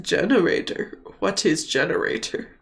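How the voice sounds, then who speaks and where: A woman voicing a big, dim-witted stone giant in a tabletop game, with slow, dopey broken speech and blunt questions. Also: on the low side, lively intonation, vocal fry, a crowd in the background, voice pushed down. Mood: dim, puzzled. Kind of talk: in-character tabletop role-play.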